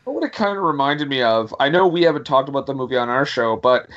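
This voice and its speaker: A man's voice: medium pitch, lively intonation, quick pace, a bit bright. A man hosting a casual movie podcast, joking and rambling with restarts. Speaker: podcast host. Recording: dull lo-fi sound.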